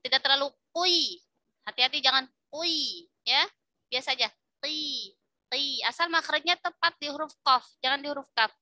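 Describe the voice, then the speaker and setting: A middle-aged woman teaching Quran recitation in an online lesson, patiently repeating syllables for her students to copy, with pauses and self-corrections. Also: high voice, bright, forceful tone, no echo. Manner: halting, with fillers and self-corrections.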